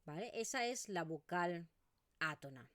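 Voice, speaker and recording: Woman, Eastern Catalan accent, language teacher, unhurried explanations, dry sound. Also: fairly low pitch, lively intonation, a bit bright, no room sound. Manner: slow, explanatory, models vowel sounds aloud. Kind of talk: online video lesson.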